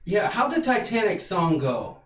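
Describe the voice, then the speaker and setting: Playful high-voiced man singing bits. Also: big pitch swings, normal speed, a bit bright. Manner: playful, breaks into song, stammers when searching. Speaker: co-host. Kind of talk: goofy livestream chat with singing impressions. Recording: roomy livestream audio from a distance.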